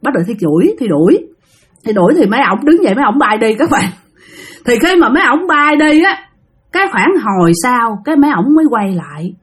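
A woman's voice: fairly high pitch, animated, brisk, slightly rough. A woman telling a spooky story in a casual, chatty way, speaking straight to her listeners. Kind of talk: casual spoken ghost story.

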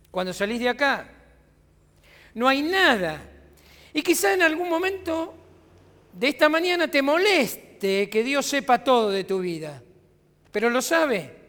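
A man's voice: extremely high pitch, fairly bright tone, in a large hall. A man with a Rioplatense Argentine accent preaching a conversational sermon as pastor, asking his congregation rhetorical questions. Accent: Rioplatense Spanish. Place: church sanctuary.

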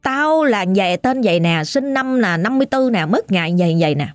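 A woman's voice: mid-range voice, expressive, fairly quick, no echo, clean studio sound, faint music behind, lightly acted. A woman voicing the angry spirit of a dead grandfather speaking through his granddaughter, scolding and threatening in a harsh Southern Vietnamese accent. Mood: furious.

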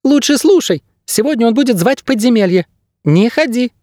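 Ptah, a squeaky smug bird. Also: male voice, lively intonation, a little fast, warm tone, no room sound, studio quality. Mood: smug, evasive. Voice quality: thin squeaky voice. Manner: evasive and boastful. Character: smug squeaky little male bird guide. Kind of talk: audiobook character voice.

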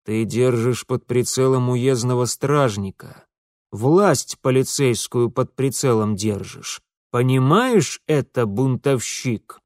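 A man voicing a gruff, threatening provincial police chief who barks orders. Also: a little high, expressive, unhurried, few pauses, warm tone, no echo, studio quality. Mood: menacing. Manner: barking, threatening.

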